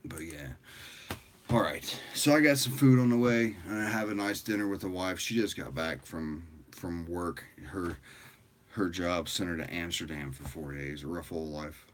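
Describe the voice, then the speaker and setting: Tired low-voiced man chatting on a livestream. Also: slight background noise. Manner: rambling and relaxed, with frequent fillers and laughs. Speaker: livestream host. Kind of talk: casual livestream chat answering viewers.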